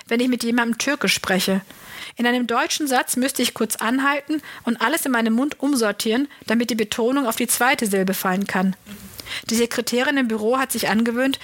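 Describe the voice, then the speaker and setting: A woman giving a calm, measured first-person audiobook narration. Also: on the high side. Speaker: audiobook reader.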